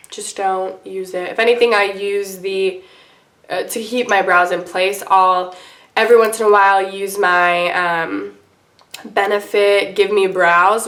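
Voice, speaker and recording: A woman's voice: medium pitch, fairly bright tone, reverberant. A woman hosting a casual beauty tutorial in an informal, rambling, apologetic way, her voice icky and under the weather from feeling sick. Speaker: beauty vlogger and host. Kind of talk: casual makeup tutorial chat to camera.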